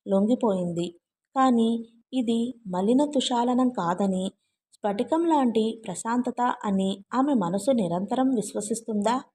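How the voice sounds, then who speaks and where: Brief: female storybook narrator, slightly high voice, even novel reading, faint hiss behind.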